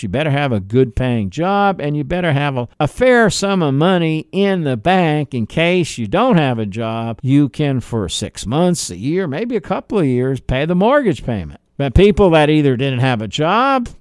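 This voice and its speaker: A man's voice: mid-range voice, darkish tone, clear, resonant tone, no room sound, clean studio sound. A middle-aged man from the United States hosting a political commentary monologue, emphatic and full of rhetorical questions. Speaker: radio talk show host.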